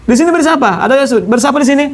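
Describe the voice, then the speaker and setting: In a classroom lecture, a man with a very high, animated voice races through a grammar lesson. He goes step by step, repeats key terms, and keeps checking that his students follow. A little background noise can be heard.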